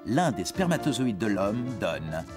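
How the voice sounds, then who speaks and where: His voice sits on the low side and is very animated, though his pace stays measured. He narrates an educational cartoon playfully, like a story told directly to a young listener. There's background music under the narration.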